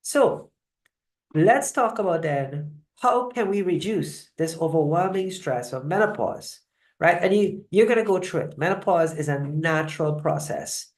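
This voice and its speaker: A woman from Guyana hosting a live online wellness session. She speaks in a conversational, halting way and often checks in with "right?". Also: low-pitched, expressive, darkish tone. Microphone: video call mic.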